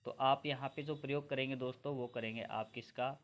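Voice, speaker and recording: Fairly quick and fairly even in intonation, a mid-range male voice belongs to a man from India teaching English grammar for exams. He breaks things down step by step and repeatedly speaks to his audience as friends.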